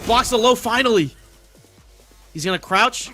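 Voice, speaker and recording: High, bright, excitable fight-game caster. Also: male voice, faint music behind. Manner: excitable, rapid, breaks into shouts. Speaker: esports commentator. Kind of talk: live play-by-play commentary.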